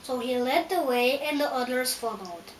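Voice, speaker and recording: A woman's voice: high-pitched, moderate pace. A woman narrating a storybook aloud, careful and with frequent small slips and restarts. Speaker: audiobook reader. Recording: roomy, distant, faint hiss.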